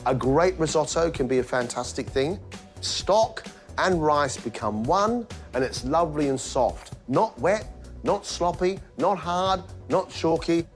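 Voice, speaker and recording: A man with a British accent, a cooking competition judge, giving measured, emphatic voice-over commentary on the dishes. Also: a little high, lively intonation, faint music behind.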